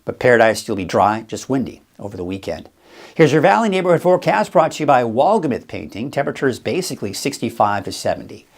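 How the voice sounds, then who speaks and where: A man's voice: medium pitch, very animated, quick pace. A man hosting a casual live weather show, chatting in a rambling way and thinking aloud with fillers. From Northern California. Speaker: weather host. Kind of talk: casual live-stream forecast chat.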